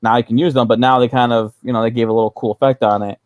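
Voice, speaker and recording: A man's voice: medium pitch, fairly even intonation, rapid-fire, a little mellow, no room sound. A man co-hosting a casual gaming chat, grumbling and rambling with plenty of profanity.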